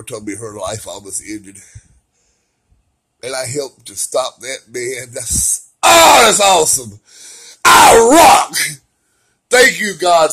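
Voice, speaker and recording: A man talking to his camera about his recovery, swinging between soft, slow remarks and loud bursts of laughter. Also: medium pitch, breathy edge. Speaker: vlogger sharing his recovery. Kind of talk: casual personal vlog.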